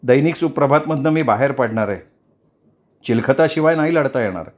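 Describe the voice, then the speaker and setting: A man voicing a despairing adult journalist who talks low and weary. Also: fairly quick, lightly acted. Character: despairing male journalist, adult, broken-spirited.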